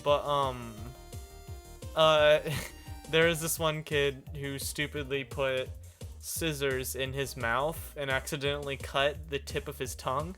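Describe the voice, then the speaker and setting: A teenage boy talks casually on a game stream, quick to joke and laugh through his stories. His voice sits at a middle pitch, and soft music plays quietly underneath. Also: fairly even intonation. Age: teens. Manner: joking, laughs often. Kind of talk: casual chat while gaming.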